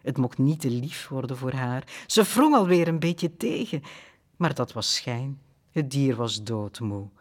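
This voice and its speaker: A man narrating a children's story audiobook in a calm, expressive storytelling manner. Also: medium pitch, measured pace.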